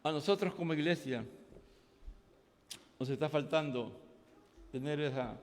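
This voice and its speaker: A man with a Peruvian Spanish accent, a pastor preaching a sermon, moving from quiet storytelling to shouted preaching in a church. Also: fairly high pitch, unhurried. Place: church hall. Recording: long hall reverb.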